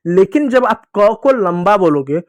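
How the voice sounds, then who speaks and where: Male teacher, higher register, dry recording; patient reading lesson for kids, stretches out each sound. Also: animated, dry recording. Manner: repeats sounds slowly, asks and answers own questions.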